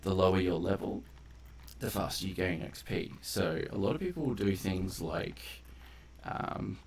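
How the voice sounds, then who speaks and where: This game streamer narrates his playthrough off the cuff, drifting into tangents while he lays out the mechanics in detail. His voice is low, a little mellow and slightly rough, with vocal fry, and his animated delivery runs a little slow.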